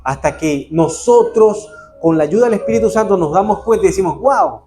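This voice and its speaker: A man's voice: high-pitched, animated, moderate pace, warm tone. A man preaching a sermon in a church, earnest and calling the congregation brother.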